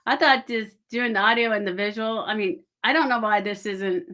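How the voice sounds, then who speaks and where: Bright Texan woman with soft, w-like R's. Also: medium pitch, moderate pace. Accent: Texas. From Texas, United States. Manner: soft R's and W's that blur together, w-like r. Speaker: guest, author and audiobook voice actor. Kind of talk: casual chat.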